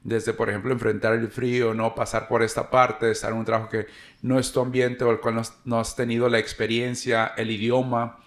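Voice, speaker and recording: Male interview host, mid-pitched voice, casual and attentive, affirms the guest often. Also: flat delivery, brisk. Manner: attentive, frequent affirming ujú, rambling questions. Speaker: podcast host.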